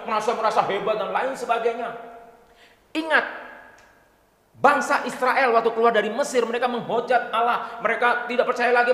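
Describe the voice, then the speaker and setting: Male priest giving a sermon, joky storyteller, bright voice echoing in a big church hall. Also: sits high. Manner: lively, joking storyteller, often addresses the congregation.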